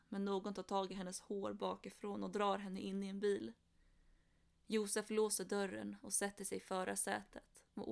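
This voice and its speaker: Woman narrator for a true crime story, even delivery, some vocal fry. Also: medium pitch.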